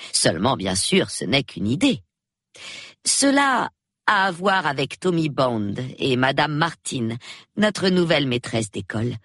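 A woman reading aloud voices a shrewd old spinster who murmurs her thoughts gently. The voice is low, slow and husky. It sits close and dry. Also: very animated, no room sound, exaggerated voice. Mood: mild. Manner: soft, measured, murmuring.

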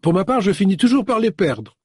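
A rambling, talkative woman, as a male reader puts her on in a storybook. Her voice rides high and lively, meandering through friendly chatter with a husky texture. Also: brisk, no echo, studio quality, heavily acted. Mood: chatty. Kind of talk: audiobook character voice.

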